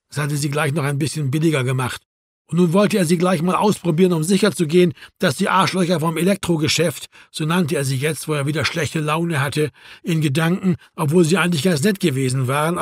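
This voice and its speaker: A man narrating a novel in a wry, even storytelling manner. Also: fairly high pitch, husky, dry recording, clean studio sound. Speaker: audiobook narrator. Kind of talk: scripted narration.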